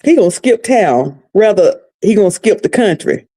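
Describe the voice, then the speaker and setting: A Southern-accented woman from North Carolina hosts a casual recap livestream, speaking at normal speed in an expressive, warm, mid-range voice. She's chatty and folksy as she comments, greeting her viewers as "y'all" and "sugar."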